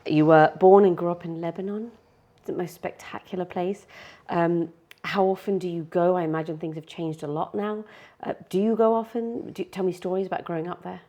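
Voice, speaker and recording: A woman hosts the interview with an effusive, enthusiastic manner. Her voice sits a little low for a woman. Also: steady tone, brisk, dark tone. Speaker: interviewer, host.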